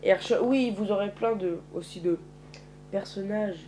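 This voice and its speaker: A man's voice: high voice, normal speed, darkish tone, soft background music. A man narrating his own zombie story in a casual way, acting out all the characters. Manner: acts out every character in turn.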